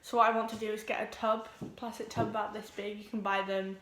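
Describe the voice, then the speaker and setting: A teenage girl, introducing her vlog at home, nervous and quick, with lots of ums. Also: mid-range voice, level tone, a bit bright, reverberant. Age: teens. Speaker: vlogger. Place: home room with pets.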